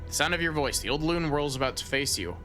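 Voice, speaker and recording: A man's voice: fairly high pitch, animated, quick pace, pushed and bright. Man reading game text over music. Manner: casual, reads text aloud with hesitant fillers. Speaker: streamer playing a game. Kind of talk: let's play commentary, reading game text.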